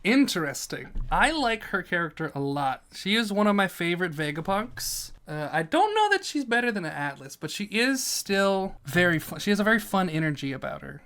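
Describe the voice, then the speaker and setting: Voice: medium pitch, very animated, moderate pace, hardly any pauses. Jokey YouTuber talking through a tier list. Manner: chatty and jokey, muttering to self, swearing; swings between loud outbursts and quiet asides. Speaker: YouTuber ranking characters. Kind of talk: casual tier-list commentary.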